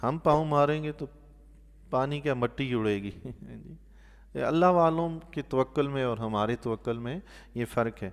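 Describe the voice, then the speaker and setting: A man, a mosque imam giving Quran commentary, telling stories with animated bursts of loudness and soft, quiet asides. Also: medium pitch, gravelly, smooth, long reverb tail. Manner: animated storyteller, voice swelling loudly on emphatic points; drops to a soft, quiet tone for pious exclamations. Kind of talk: sermon-style Quran commentary with storytelling.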